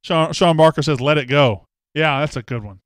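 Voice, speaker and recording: Reading out comments from viewers and poking fun at himself, this live-show host chats at a normal pace in a smooth, slightly high voice. The recording is dry and studio-clean.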